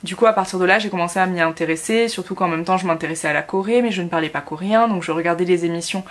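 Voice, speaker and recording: A woman's voice: on the low side, rapid-fire. A woman in her twenties from France, talking casually to camera for her vlog, chatty, with many fillers and restarts. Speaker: YouTuber. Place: at home in Korea.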